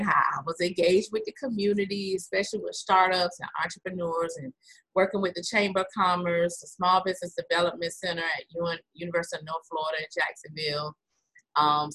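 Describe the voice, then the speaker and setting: An American woman hosts an online interview with lively enthusiasm. She leans into her words for emphasis. Her voice is bright, with a clear, forward edge. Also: lowish voice, poor audio. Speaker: host.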